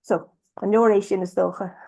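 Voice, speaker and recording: Irish woman, webinar guest, warm low-toned voice, halting delivery, drifts between two languages. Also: steady tone, gravelly, low-quality recording. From Ireland. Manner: hesitant, many ums and restarts, switches between Irish and English. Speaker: webinar speaker. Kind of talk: bilingual webinar talk.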